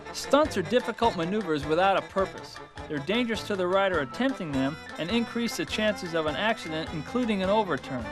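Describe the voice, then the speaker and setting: A man narrating a scripted safety lesson with firm, cautionary instructions, heard from a worn VHS tape copy. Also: on the high side. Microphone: voice-over. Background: country guitar music.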